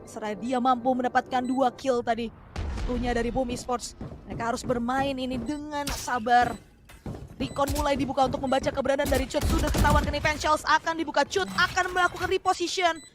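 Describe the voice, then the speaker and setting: A woman's voice: sits high, fairly even intonation, a little fast, music in the background. An Indonesian woman giving live esports play-by-play as a commentator, with a dramatic, fluent announcer delivery.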